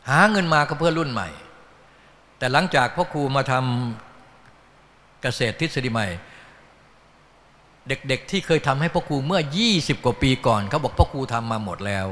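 A man's voice: medium pitch, lively intonation, moderate pace, long pauses, a bit bright, slight background noise. A man teaching a Buddhist dharma talk in a folksy storytelling manner, acting out little voices as he goes. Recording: long hall reverb.

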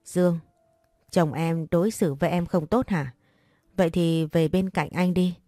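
A man's voice: a little high, fairly even intonation, measured pace, mellow, dry recording, clean studio sound, soft background music, natural voice. A woman reading a smug, pushy young man. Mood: coaxing. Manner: coaxing, insinuating.

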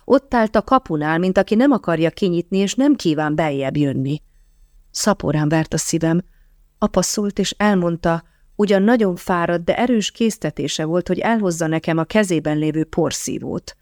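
A woman narrating a first-person memoir audiobook in a calm, measured, softly reflective way. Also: lowish voice, no echo, studio quality.

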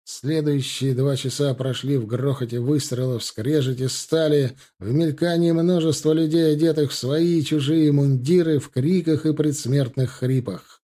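A man narrating a historical war novel as an audiobook, in a steady storytelling voice. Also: on the high side, normal speed, few pauses.

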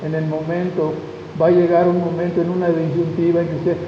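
A pastor preaching a sermon with emphatic rhetorical questions and tag questions. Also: male voice, on the high side, monotone, fairly quick, slight background noise. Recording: dull echoey hall recording.

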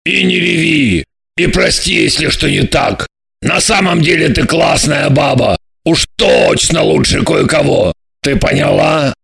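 A woman voicing a gruff, bossy captive man who shouts orders down a phone line. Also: fairly low pitch, moderate pace, no room sound, exaggerated voice. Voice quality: gravelly, shouting. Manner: barks orders, curses.

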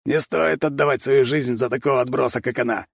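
A man's voice: medium pitch, steady tone, a little fast, vocal fry, dry recording, studio quality, voice pushed up. A man voicing a brash, arrogant young wolf thug who growls threats in an audiobook. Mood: menacing.

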